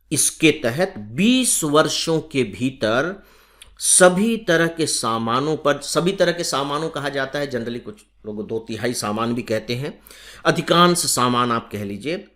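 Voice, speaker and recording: Indian male teacher giving an exam-prep lecture. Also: mid-range voice. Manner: explains step by step with rhetorical questions; lively emphasis, slowing down on key terms.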